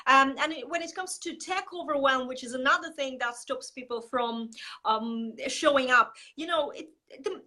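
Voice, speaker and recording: Woman from Estonia, high bright voice, energetic and emphatic interview guest. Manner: energetic, emphatic, many fillers. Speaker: guest, marketing coach. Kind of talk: casual interview talk.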